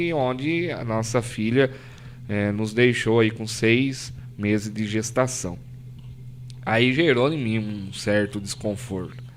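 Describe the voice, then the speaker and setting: A lowish-voiced Brazilian man from the São Paulo interior, speaking over slight background noise, gives an emotional faith testimony as a podcast guest. The chat is casual but earnest, full of "né?" and acted-out quotes from other people.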